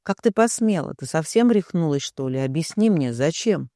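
A man's voice: expressive, normal speed, mellow, no room sound, clean studio sound. A man doing a cold, furious man. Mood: cold menace. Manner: cold, low, controlled menace. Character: stern, coldly furious man.

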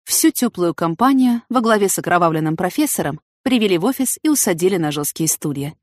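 A woman reading an audiobook with steady storytelling narration. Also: fairly low pitch, quick pace, no room sound, clean studio sound.

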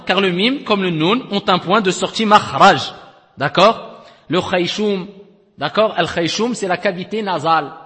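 A man giving a recited-text lesson in a step-by-step teaching style, often checking that his students follow and chanting examples slowly. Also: high-pitched, pushed and bright, in a large hall. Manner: explains step by step, often checks with "d'accord?" and "clair?". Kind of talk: recorded tajwid lesson.

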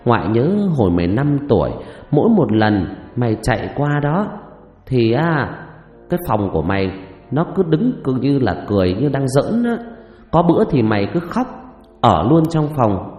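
A man's voice: medium pitch, big pitch swings, moderate pace, darkish tone, close to an everyday voice. A man playing a scolding old grandmother. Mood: explaining. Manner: scolding, blunt. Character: scolding old grandmother, sharp-tongued but wise. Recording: roomy reverb with background music.

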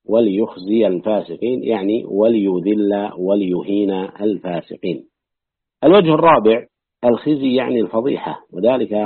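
A man's voice: fairly low pitch, dry recording. Man reading a religious text aloud. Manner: measured recitation, pausing to note and correct slips. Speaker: reader of a classical exegesis book. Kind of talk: reading aloud from a book with brief comments. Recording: husky, dry, tinny phone-like audio.

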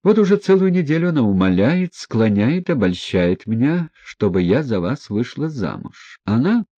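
A man lifting his voice into a proud, passionate young woman, firing off agitated questions in a raised, lively, louder tone. The audiobook is recorded close and dry, with a slightly dull sound. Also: mid-range voice, slightly rough, dry recording, pitched above the performer's own voice. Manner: agitated, pressing, rapid questioning. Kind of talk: audiobook reading.

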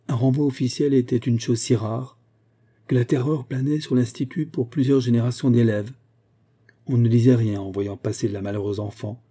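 A man narrating a novel aloud in a steady, literary manner. His voice is very dark and mellow, with a husky edge. He reads at an even pace throughout. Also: medium pitch. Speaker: audiobook reader. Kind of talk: scripted narration.

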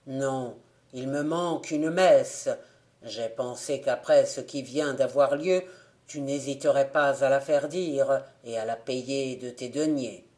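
A woman's voice: very deep voice, slow pace, darkish tone, pitched below the performer's own voice. A woman voicing the ghost of a dead man in an audiobook, with a cavernous, grave and reproachful voice. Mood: solemn.

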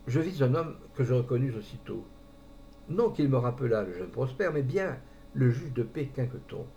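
A man reading a classic short story aloud, with expressive storytelling. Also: mid-range voice, slight background noise. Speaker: reader. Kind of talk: audiobook narration.

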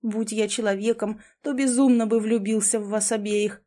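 A woman's voice: medium pitch, flat delivery, normal speed, mellow, close to an everyday voice. A woman voicing a grumbling, gallant homeless male dog in a storybook reading.

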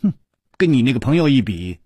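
A smug little servant boy, acted by a male storyteller teases and sneers, sliding between a low murmur and bright jabs. The husky voice is close and dry. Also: very animated, a little fast, no room sound. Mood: sly, teasing. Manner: teasing, smug, soft sneering asides. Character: sly, mocking boy servant.

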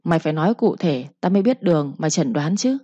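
A woman's voice: low-pitched, lively intonation, fast, mellow, breathy edge, dry recording. A woman doing a curt young master. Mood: brusque. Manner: brusque, scolding orders. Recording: slightly muffled recording.

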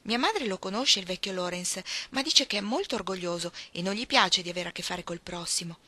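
A woman's voice: mid-range voice, brisk, pushed and bright. A woman doing a chatty young girl guest.

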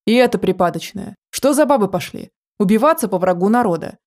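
A woman's voice: medium pitch, expressive, fairly quick, darkish tone, natural voice. A woman doing a barking scornful prison officer.

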